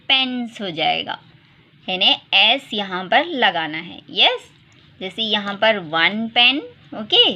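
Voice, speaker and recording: A woman teaches English to small children, speaking slowly and spelling words out letter by letter. Her voice is bright and a little high. The recording sounds dull and lo-fi. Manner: slow and sing-song, spelling words letter by letter; repeats questions and calls the listener "beta". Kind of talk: classroom lesson for young children.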